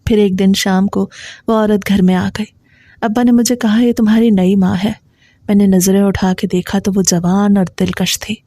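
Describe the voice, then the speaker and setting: A woman storyteller narrates in a steady, plain, scripted way. Her voice is warm and mellow, and the recording is dry and close with no room sound. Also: mid-range voice, dry recording.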